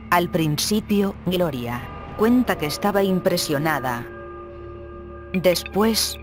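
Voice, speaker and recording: A text-to-speech voice narrating true horror stories in an even, steady reading. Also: mid-range voice. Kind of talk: scripted horror story narration.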